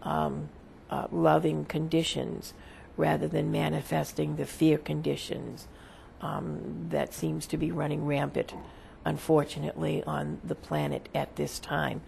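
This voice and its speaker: A seance medium channeling as a spirit, with a creaky voice, answering questions in halting, solemn, formal phrases. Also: medium pitch, little pitch movement, darkish tone, slight background noise.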